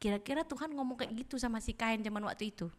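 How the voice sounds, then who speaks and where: A woman preacher giving a lively sermon in a church, quizzing the congregation with playful asides. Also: a little high, fast talker. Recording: echoey church hall.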